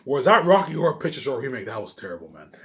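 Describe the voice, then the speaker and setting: With big pitch swings, a quick pace, and a fairly bright tone, a mid-range-voiced man vlogs solo in an unscripted, casual way. He's emphatic and slangy, repeating himself and slipping into trailing asides.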